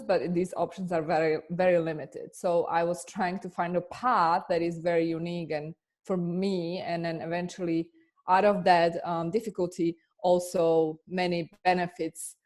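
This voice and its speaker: A woman's voice: fairly low pitch, a little mellow. A woman from Slovakia with a Slovak accent, an immigration attorney answering interview questions earnestly, often restarting her sentences. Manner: earnest, with frequent fillers and restarts. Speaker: immigration attorney and business coach.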